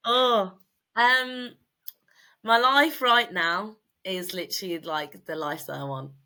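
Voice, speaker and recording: A woman's voice: medium pitch, slow, bright, forceful tone. A woman in her twenties, co-hosting a podcast and talking openly about her life in a chatty, filler-heavy way. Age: 20s. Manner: chatty, emotional, many fillers. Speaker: podcast co-host and guest. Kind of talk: casual podcast chat.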